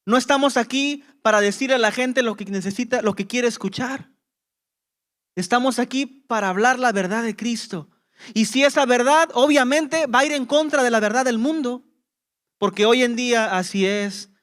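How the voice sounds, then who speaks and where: A man's voice: very high voice, moderate pace, a bit bright. A man preaching a sermon as pastor, with impassioned emphasis and rhetorical questions to the congregation.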